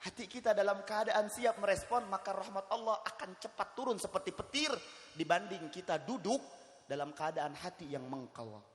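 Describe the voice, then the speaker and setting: A man's voice: sits high, moderate pace, a bit bright. A man from West Java, preaching a sermon to a gathering, joking with and teasing his audience. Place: religious gathering hall. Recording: echoey hall with long reverb.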